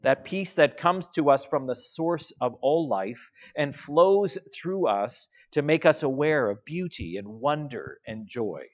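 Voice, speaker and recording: A man preaching a sermon in a slow, measured way, letting his phrases trail off softly. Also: on the high side, expressive.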